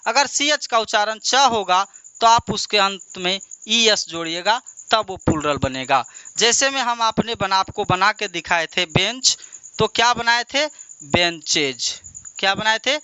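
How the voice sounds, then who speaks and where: Bright, crisp male teacher quizzing his class. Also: high voice, expressive, unhurried, no room sound. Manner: repeats answers as questions to the class; patient, encouraging teacher tone. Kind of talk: classroom lesson at a board.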